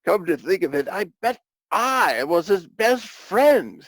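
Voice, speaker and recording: A man's voice: sits high, big pitch swings, slow pace, fairly bright tone, no echo, studio quality, full character voice. A man playing a callous, jovial businessman in a radio play, with a flippant drawl. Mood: flippant, amused.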